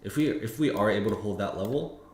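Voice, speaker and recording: Male streamer, low voice, casual and halting, lots of fillers; roomy echo, keyboard typing behind. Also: animated, a little mellow. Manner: rambling, thinking aloud with many fillers and restarts. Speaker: futures trading streamer. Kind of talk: casual live-stream market commentary. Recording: echoey room with faint noise.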